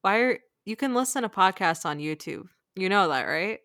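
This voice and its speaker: A woman's voice: mid-range voice, expressive, moderate pace, a bit bright, no echo, clean studio sound. Giggly young woman podcast co-host. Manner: giggly, rambling with many "like" fillers. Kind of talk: casual podcast chat.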